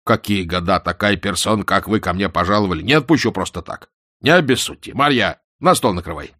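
A man voicing a loud, eager, deferential former policeman who barks his words. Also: low-pitched, lively intonation, a little fast, no echo, studio quality, heavily acted. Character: loud loyal older male ex-policeman.

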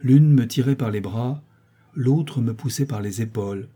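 A man narrating a classic novel as an audiobook with a measured, expressive reading. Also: mid-range voice, breathy edge.

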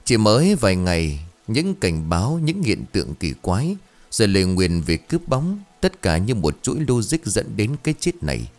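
Deep-voiced man telling a ghost story. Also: wildly swooping pitch, normal speed, darkish tone. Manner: dramatic, suspenseful telling. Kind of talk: scripted ghost story narration.

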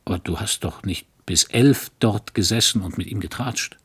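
A man with a low, husky voice playing a good-natured small-town doctor who grumbles mildly and fusses over practical things, in an audiobook reading. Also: moderate pace, a bit bright. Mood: grumbling. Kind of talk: audiobook character voice.

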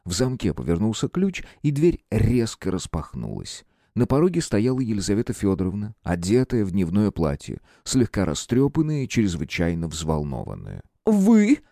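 A man reading an audiobook with expressive, measured narration. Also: lowish voice, vocal fry, no room sound, clean studio sound. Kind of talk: scripted narration.

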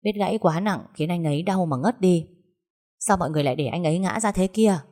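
A woman's voice: fairly low pitch, dark tone, close to an everyday voice. A woman voicing a matter-of-fact hospital doctor giving instructions. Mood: businesslike. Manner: brisk, instructive.

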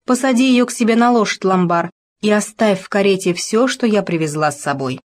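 A woman's voice: medium pitch, a little fast, close to an everyday voice. A woman voicing a determined, proud noblewoman who speaks firmly. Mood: resolute. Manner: firm, resolute.

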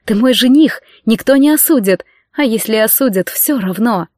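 A woman's voice: on the high side, lively intonation, normal speed, a little mellow, dry recording, studio quality, close to an everyday voice. A woman voicing an anxious, devoted young bride-to-be in an audiobook, speaking earnestly with rising feeling.

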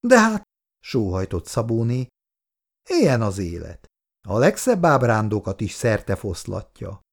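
A man's voice: lowish voice, big pitch swings, vocal fry. A man reading a family story aloud, narrating expressively between the characters' lines.

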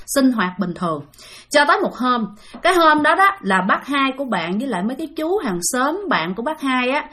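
A chatty woman tells a ghost story in a loose, conversational way. She speaks a bit higher than most women and keeps turning to her listeners as she goes. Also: a bit bright. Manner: chatty, addresses listeners often.

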